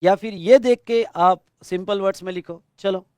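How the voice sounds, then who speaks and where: Indian man, exam-prep teacher dictating answers, high voice, close dry sound. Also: darkish tone, smooth, no echo. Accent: Indian English. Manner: instructive, dictates slowly and repeats phrases; mixes Hindi and English. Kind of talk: online lecture, dictating answers.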